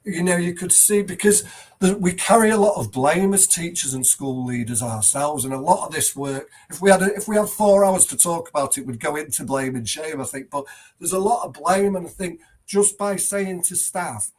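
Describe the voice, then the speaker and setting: Speaking at a normal pace, this middle-aged headteacher sounds loud and a bit high-pitched as he answers interview questions earnestly and emphatically. He often starts his sentences over, and the recording carries a slight hiss or hum.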